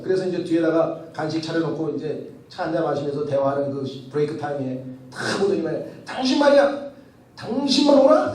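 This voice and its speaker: A man's voice: a little high, dark tone. A male pastor preaching a sermon, telling stories animatedly and asking rhetorical questions, at a church retreat. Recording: echoey hall from far off.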